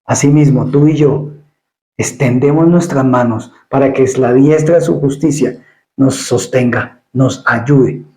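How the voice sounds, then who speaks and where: A male pastor preaching an emphatic sermon, often repeating words and acting out quick asides. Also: medium pitch, a little mellow, echoey room, rough recording.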